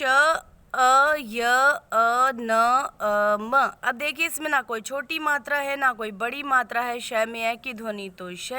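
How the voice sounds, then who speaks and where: A woman teacher giving a lesson, explaining slowly and patiently, step by step. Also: on the high side, sharp tone. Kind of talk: classroom lesson on word spelling.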